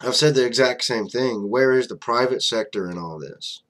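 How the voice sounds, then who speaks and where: A young adult vlogger offers blunt, casual political commentary into a desk webcam from a small room with a flag on the wall behind. Conversational and full of fillers like "you know", he speaks at medium pitch and normal speed with a slightly bright tone.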